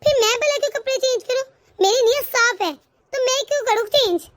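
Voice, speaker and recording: A woman plays a defiant young daughter-in-law in a cartoon family story. Her very high voice argues back indignantly at her in-laws. The sound is dry and close. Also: brisk, fairly bright tone, no room sound. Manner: argumentative, indignant. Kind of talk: cartoon voice acting.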